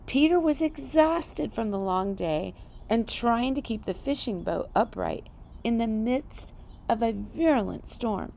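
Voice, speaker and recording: A woman giving a devotional Bible teaching, animated, asking rhetorical questions and laughing lightly as she reads the story. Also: mid-range voice, vocal fry, a little hiss or hum.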